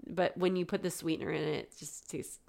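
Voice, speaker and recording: A woman's voice: on the low side, fairly even intonation, fairly quick, gravelly. A woman co-hosting a casual podcast, chatty and teasing, explaining things at length. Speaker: podcast co-host. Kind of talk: casual chat.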